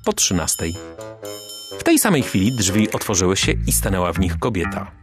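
Lively low-voiced male narrator. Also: normal speed, music in the background. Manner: wry, expressive storytelling. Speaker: audiobook narrator. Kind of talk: first-person detective story narration.

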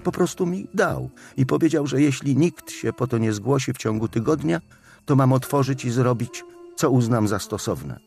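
A man voicing a middle-aged widow who speaks quietly and haltingly, full of sorrow, in an audiobook. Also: mid-range voice, animated, gravelly, soft background music, voice pushed up. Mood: grieving, subdued. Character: grieving widow, middle-aged woman, subdued.

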